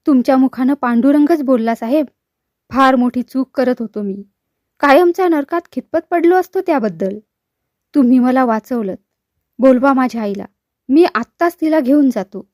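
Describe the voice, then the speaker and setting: A woman's voice: high voice, moderate pace, darkish tone, dry recording, clean studio sound, close to an everyday voice. A woman doing an earnest pilgrim son. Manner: earnest, pleading. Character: devout middle-aged man, a pilgrim son.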